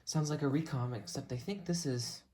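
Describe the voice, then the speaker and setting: Here a gadget review host talks at a moderate pace in a medium-pitched voice, chatting casually while handling the item. It's a noisy recording from a room at home, full of clicks and handling sounds.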